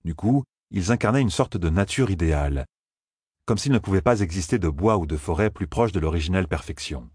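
Deep husky guy reading an audiobook, steady storyteller pace, dead dry sound. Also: no echo. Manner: calm, measured storytelling. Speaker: narrator. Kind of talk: audiobook narration.

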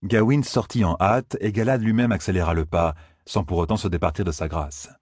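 A man narrates a fantasy audiobook in a very deep, slightly husky voice. His delivery is measured and even. The recording is dry and close to the mic. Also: no room sound.

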